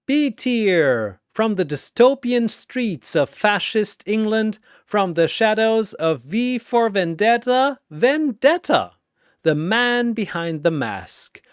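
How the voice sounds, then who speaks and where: The clean studio recording has no room sound, and the voice is clear and resonant. Acting as both narrator and arena announcer, the speaker tells a scripted battle story theatrically, trading booming calls for quieter, hushed passages.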